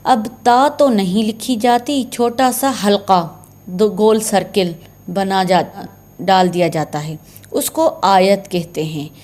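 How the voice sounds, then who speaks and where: A woman's voice: mid-range voice, slow, darkish tone. A woman teaching Quran recitation signs in a patient, step-by-step way, repeating key terms. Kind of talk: slow explanatory lesson.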